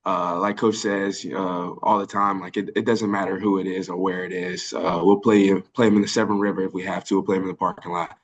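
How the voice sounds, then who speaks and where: Low-voiced young man fielding press questions. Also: level tone, brisk, few pauses. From Birmingham, Alabama. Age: early 20s. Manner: earnest, many "uh" fillers and restarts. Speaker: college football linebacker. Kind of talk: press conference answers. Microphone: video call.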